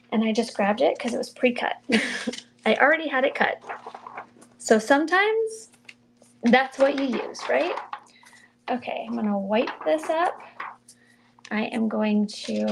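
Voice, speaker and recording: During a casual crafting livestream, a woman demonstrates card-making, thinking aloud in a chatty, mild, soft-spoken way. Her voice is slightly high and gravelly, and she talks slowly. Faint tool clicks, a little hiss or hum, and poor audio come through.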